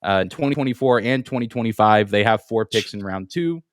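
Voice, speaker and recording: A man's voice: lowish voice, animated, brisk, no echo, studio quality. A man co-hosting a sports podcast in casual chat, often repeating his first words as he thinks aloud. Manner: repeats words at the start of phrases, hedging. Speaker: podcast co-host.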